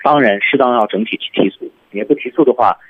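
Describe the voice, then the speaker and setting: A man's voice: mid-range voice, fast talker, breathy edge, narrow, tinny audio. A male English teacher explaining speaking technique on a radio lesson, going step by step and repeating example lines.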